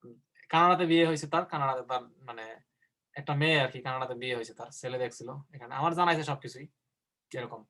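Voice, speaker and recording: A man's voice: mid-range voice, bright, forceful tone. Man teaching an English test class. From Bangladesh. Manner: explains in Bengali, slowing down to model English sample answers. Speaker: IELTS teacher. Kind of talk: online class lecture.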